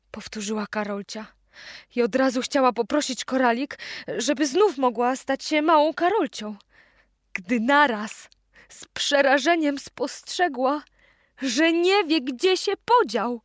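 A woman narrating a children's story in a clear, expressive reading. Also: high-pitched, no echo, clean studio sound.

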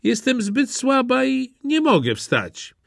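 A man voicing a weak old grandmother lying in bed, calling out in a high, frail voice. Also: wildly swooping pitch, slow, gravelly, no room sound, studio quality, full character voice.

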